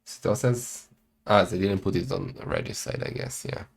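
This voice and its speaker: Male co-host, heavy vocal fry, lively joking delivery. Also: low-pitched, moderate pace. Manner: lively, joking, laughs often. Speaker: tournament co-host and caster. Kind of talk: casual game commentary.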